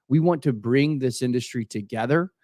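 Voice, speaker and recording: A man in his late thirties chats casually as a podcast co-host. He talks in an animated way and often repeats words as he restarts. His voice is mid-pitched and sits close and dry on the mic. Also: normal speed, no room sound. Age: 30s.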